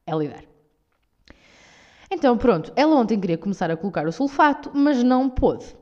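A woman's voice: on the high side, big pitch swings, brisk, darkish tone, dull audio. A young woman with a European Portuguese accent hosting a casual solo podcast, rambling and self-mocking. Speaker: podcast host.

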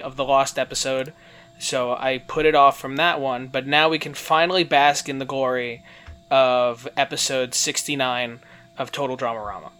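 A man's voice: medium pitch, pushed and bright, clean tone. A man co-hosting a casual podcast, reading episode summaries aloud with amused, joking asides. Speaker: podcast co-host.

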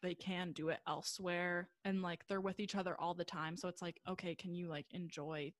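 A woman's voice: on the low side, steady tone, fairly quick, no echo, studio quality. A young woman co-hosting a podcast, talking casually, full of "like", swearing freely and laughing often. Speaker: podcast co-host. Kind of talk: casual chat.

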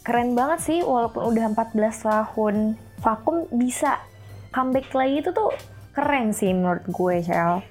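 A woman's voice: fairly high pitch, expressive, normal speed, a little mellow, faint music behind. Chatty young woman DJ with slang. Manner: chatty, addresses listeners as friends, informal slang. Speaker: radio-style host and DJ. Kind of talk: casual chat presenting pop music trivia.

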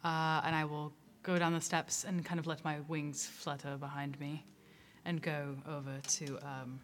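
Low-voiced woman player. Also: flat delivery, moderate pace, slight background noise. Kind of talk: describing her character's actions.

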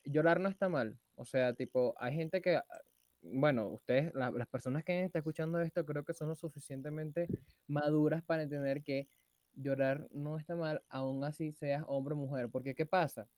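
A man's voice: a little high, fairly even intonation, normal speed, dry recording. Joking young Venezuelan man, dry sound. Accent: Venezuelan Spanish. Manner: slangy, joking, loud bursts when mimicking others. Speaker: podcast co-host. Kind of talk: casual chat.

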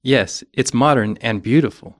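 A man's voice: medium pitch, moderate pace. A man with an American accent, hosting a scripted language lesson podcast with some casual chat.

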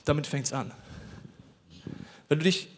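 Male preacher, fairly high voice, animated sermon delivery, addresses listener directly. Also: unhurried, slight background noise.

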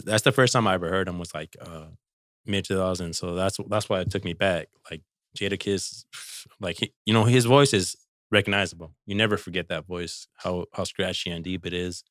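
A man's voice: low-pitched, a bit bright, no room sound, studio quality. A man co-hosting a casual hip hop podcast, rambling with lots of "like" and "bro". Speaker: podcast co-host. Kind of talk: casual hip hop album review chat.

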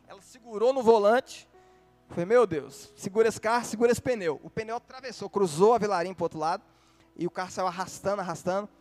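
A man preaching a testimony in a sermon, telling his story with emotion and acting out the dialogue. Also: sits high.

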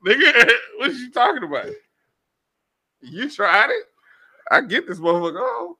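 Animated, slangy man bantering on a podcast. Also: very high voice, moderate pace, husky, no echo. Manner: profane, slangy, teasing. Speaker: podcast co-host. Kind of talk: casual banter.

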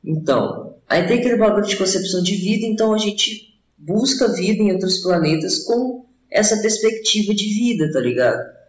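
A man's voice: high voice, animated, moderate pace. A young Brazilian man in a casual, rambling chat, talking in a slangy, meandering stoner style. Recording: roomy echo, slightly dull sound.

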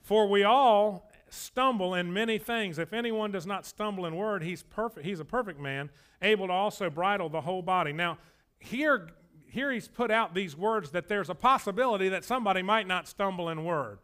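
A man's voice: high voice, normal speed, a bit bright, clear, resonant tone. A man, preaching a sermon as pastor in a folksy, joking, emphatic way.

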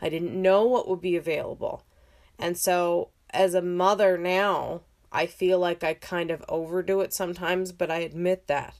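A woman in her thirties with a slightly low voice talks casually as a solo podcast host. She is reflective and informal, often correcting herself as she goes. It is a home recording made in a bathroom. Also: steady tone, moderate pace. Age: 30s. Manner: informal, hesitant phrasing with frequent "like" and self-corrections.

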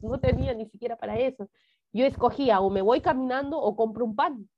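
Woman telling her own story on a podcast, kinda high voice, sounds a bit dull and dry. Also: a little fast, a little hiss or hum. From Peru. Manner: earnest, acts out her own past thoughts in quotes. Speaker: podcast guest. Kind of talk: personal storytelling.

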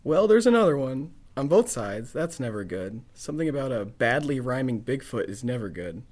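A man's voice: mid-range voice, normal speed. A man voicing a clumsy, jittery young hiker who talks to himself and cracks wry jokes. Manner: excitable, talks to himself, wisecracking.

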